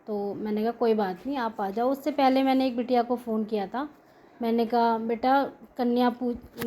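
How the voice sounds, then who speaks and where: A middle-aged woman gives a devotional testimony to her fellow devotees. She speaks earnestly and warmly, with deep gratitude in her telling. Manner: earnest, grateful, heartfelt storytelling. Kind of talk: devotional testimony to a prayer group.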